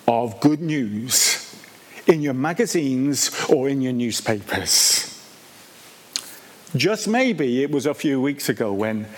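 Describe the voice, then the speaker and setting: A man preaching a sermon at a baptism service, emphatic and deliberate, repeating key phrases and asking rhetorical questions. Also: on the high side.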